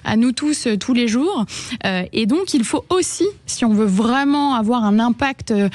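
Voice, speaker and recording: French radio guest lady, kinda high voice, explains slowly w lots of ums. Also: expressive, darkish tone. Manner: measured, explanatory, many hesitations. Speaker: guest, head of an EV charging company.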